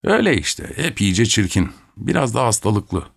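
A man voicing a grumpy old male servant, answering in a soft, husky voice with short, evasive replies. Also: fairly low pitch, very animated, moderate pace, no room sound, studio quality, full character voice. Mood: curt, grudging.

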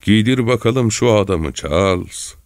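Casting: man voicing a worn-out old patriarch for a storybook, low, tired mumble, dry close sound. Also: animated, unhurried, darkish tone, no echo. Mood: weary. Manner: low, weary, murmuring. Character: tired old wealthy father, drowsy.

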